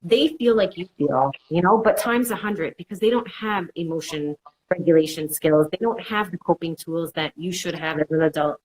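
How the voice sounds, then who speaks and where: With a fairly low, darkish voice at normal speed, a woman who works as a mental health counselor chats through reassuring advice. She acts out fretful inner voices in quotes and keeps repeating "it's okay." The recording sounds rough.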